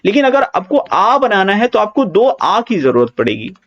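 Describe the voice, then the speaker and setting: A man with a high, fairly bright voice and big pitch swings speaks at normal speed, though the audio sounds dull. He gives an exam-prep Hindi grammar lecture, explaining patiently, repeating key points, and drawing out example vowel sounds. Casual, reassuring asides are sprinkled throughout.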